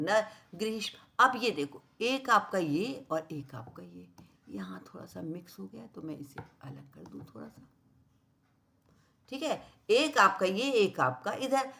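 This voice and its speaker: Woman teacher going really slow at the board, checks "clear?" every few lines, medium voice. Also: medium pitch, bright, forceful tone. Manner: keeps checking understanding with "clear?" and "right?"; repeats and spells out words slowly while writing. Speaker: school teacher. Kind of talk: blackboard grammar lesson for children.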